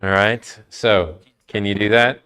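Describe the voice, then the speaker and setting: A man leading a trivia game for a church youth group, talking playfully and sometimes loud. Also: lowish voice, a little slow, clear, resonant tone. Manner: playful, lively, loud at times.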